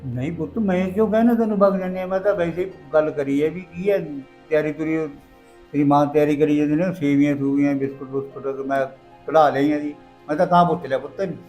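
A weary rural father, acted by a man, coaxing and defensive. His voice sits a little high for a man. Faint music runs under the scene. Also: fast, darkish tone, close to an everyday voice. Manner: coaxing, then pleading and defensive.

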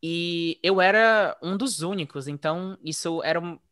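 A man telling his story in a relaxed, chatty way, as a guest in a casual interview. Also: on the high side, moderate pace, clear, resonant tone, no echo, clean studio sound. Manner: relaxed, chatty, frequent "né?" tags. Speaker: interview guest, former English teacher living abroad.

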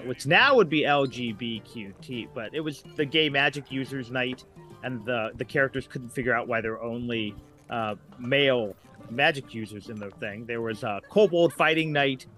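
As a guest on a podcast, a man with a mid-range voice and a sharp tone chats in a casual, playful, improvised way, frequently halting as he hunts for words.

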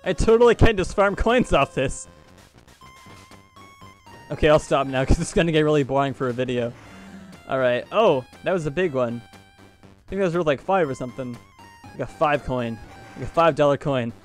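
A man's voice: fairly high pitch, expressive, normal speed, long pauses, faint music behind. A man hosting a let's play video, reacting aloud with frequent laughs and exclamations. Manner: jumpy, exclaiming, laughing often. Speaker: host.

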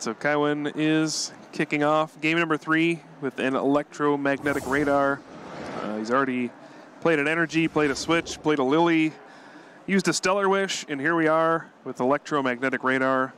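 A man calling a live card-game tournament match play by play, quick and analytical, chuckling often. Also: a little high, fairly even intonation, fairly bright tone, slight background noise. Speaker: tournament commentator.

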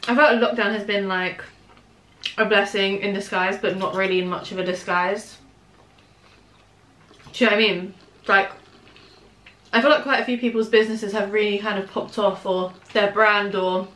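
Bright-voiced young British woman, chatty and echoey. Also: medium pitch, steady tone, moderate pace, pauses often. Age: 20s. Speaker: vlogger chatting while eating. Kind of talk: casual chatty mukbang vlog. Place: small room at home, indoors. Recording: echoey room.

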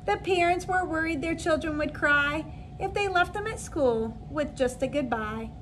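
A woman in her forties, a kindergarten teacher, reading a storybook aloud to young children in an expressive, animated way. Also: sits high, moderate pace, a little hiss or hum. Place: indoor classroom.

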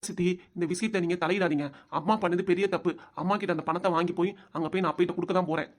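A woman's voice: on the low side, fairly even intonation, rapid-fire, close to an everyday voice. A woman voicing a hot-headed young grandson in a cartoon, speaking with a Tirunelveli Tamil accent in a stubborn, confrontational way. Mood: angry.

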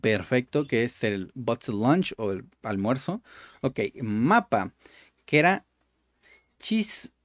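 Male gamer, relaxed tutor-style commentary, repeats and explains words, dry booth sound. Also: medium pitch, slow pace, no echo. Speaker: gaming YouTuber. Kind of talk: casual gameplay commentary.

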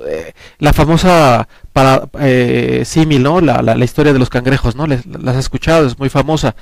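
A man's voice: mid-range voice, normal speed, gravelly, no room sound. A man in his forties with a Mexican Spanish accent, a guest advisor explaining pensions earnestly on a studio talk show, speaking into a headset mic. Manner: earnest, explains at length with lively hand gestures. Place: small TV studio set, indoors.

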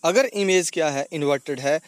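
A man's voice: fairly high pitch, moderate pace, no room sound. A male teacher explaining slides, who asks himself questions and answers them, and mixes in English terms. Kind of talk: slide-based physics lesson voice-over. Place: not on camera, voice over slides.

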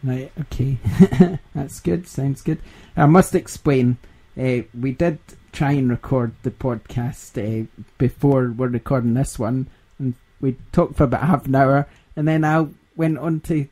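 A man's voice: medium pitch, steady tone, unhurried, hardly any pauses, warm tone. A Scottish man hosting a gaming podcast in casual chat, laughing often and rambling. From Scotland. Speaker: podcast host.

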